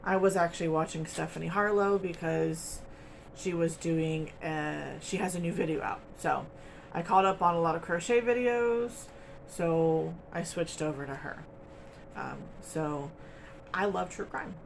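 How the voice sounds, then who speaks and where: Chatty woman with a gravelly voice. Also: on the low side, unhurried, slight background noise. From United States. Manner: chatty, rambling, with frequent ums and little laughs. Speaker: crochet channel host. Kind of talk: casual chat to camera.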